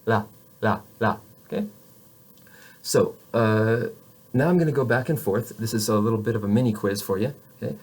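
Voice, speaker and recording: A man teaching French pronunciation to camera, patiently showing each sound slowly with frequent restarts. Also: medium pitch, darkish tone, husky. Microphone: camera facing the speaker.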